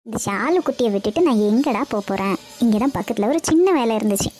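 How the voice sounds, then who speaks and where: A young cartoon woman talks warmly to her father and her little niece, voiced by a woman. The voice sits high but mellow. The recording is dry. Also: lively intonation, quick pace, husky, faint music behind. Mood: gentle. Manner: warm, reassuring, plain speech. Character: young woman, cheerful aunt, dutiful daughter.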